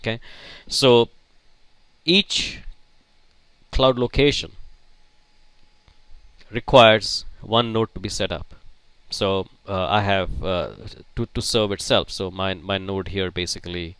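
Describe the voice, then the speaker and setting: Man, IT lecturer, low smooth voice, dry close sound, lots of uh and restarts. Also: fairly bright tone, dry recording. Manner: halting, many fillers and restarts. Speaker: IT instructor. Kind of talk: technical lecture.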